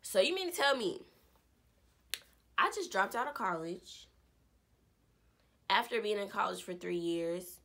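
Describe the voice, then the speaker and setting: A young woman in her twenties casually telling an animated story about her life. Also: medium pitch, a little slow, long pauses, a little hiss or hum. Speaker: vlogger. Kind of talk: story time vlog.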